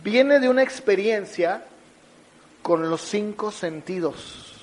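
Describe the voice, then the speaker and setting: A man's voice: sits high, slow pace, slight background noise, rough recording. A man preaching a sermon, teaching through everyday examples and rhetorical questions, and acting out little scenes as he goes. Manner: lively, acts out little scenes with shifting voice.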